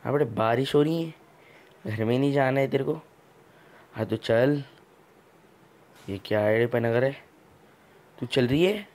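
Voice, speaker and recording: A man's voice: mid-range voice, a little slow, pauses often, darkish tone. A man hosting a gameplay video, giving casual commentary full of teasing, mock-scolding banter.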